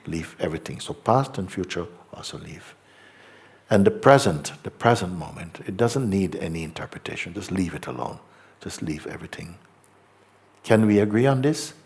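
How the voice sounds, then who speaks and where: A middle-aged man, a spiritual teacher, gently and slowly guiding a meditation talk in a hall before a live audience. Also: deep voice, animated, vocal fry. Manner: slow, gentle, repetitive, hesitant.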